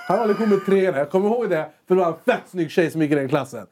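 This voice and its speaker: A man's voice: sits high, slight background noise. A young man co-hosting a casual chat, telling a story animatedly and acting out both sides of a conversation. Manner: animated, quotes himself and others in quick bursts. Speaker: podcast co-host.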